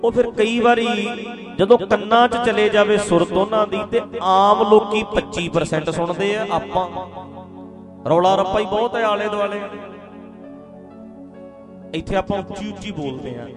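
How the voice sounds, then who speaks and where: A woman's voice: mid-range voice, unhurried, pauses often. A woman giving a spiritual teaching talk. She explains patiently, repeats her phrases and addresses her listeners directly. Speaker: spiritual speaker. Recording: music playing behind the voice. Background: music.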